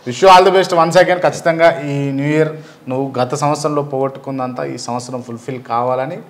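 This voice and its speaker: Fast-talking male interviewer. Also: medium pitch, fairly even intonation. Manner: brisk, encouraging prompts. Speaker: interviewer host.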